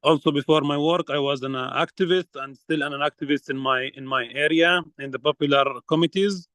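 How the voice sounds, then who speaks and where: Earnest man with halting English. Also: fairly high pitch, steady tone, fairly bright tone, no room sound, poor audio. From Palestine. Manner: earnest, halting with many fillers. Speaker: field researcher speaking at a press conference. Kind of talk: prepared statement at a press conference.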